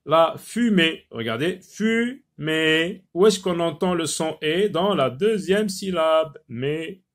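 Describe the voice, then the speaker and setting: A man teaching a phonics lesson to children, slowly repeating each word and stressing its syllables. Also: fairly high pitch, animated. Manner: slow, deliberate, repeats words syllable by syllable.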